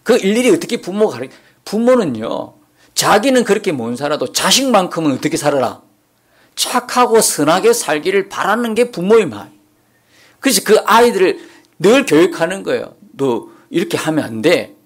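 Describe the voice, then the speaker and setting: Animated pastor with a lively, rising voice. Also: male voice, high-pitched, normal speed. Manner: animated preaching, rising to emphatic peaks and dropping to soft asides. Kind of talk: sermon. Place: church sanctuary.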